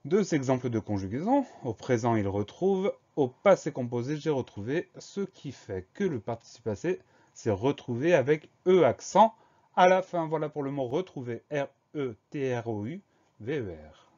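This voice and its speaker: A man's voice: mid-range voice, very animated, normal speed, a little mellow, dull audio. Methodical man spelling out words. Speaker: teacher. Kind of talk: spelling dictation lesson.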